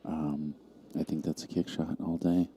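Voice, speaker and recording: A man giving calm, analytical live commentary on a pool match, calling each shot. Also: rumbling low, measured pace, a little hiss or hum.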